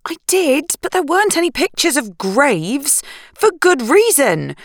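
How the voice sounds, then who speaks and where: Brief: woman reading a jittery wife, intense and pleading, pitched higher with lively lift, dry close sound. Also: unhurried, dry recording, exaggerated voice. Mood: anxious. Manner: fretful, pleading, rising emphasis. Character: anxious, intense young married woman.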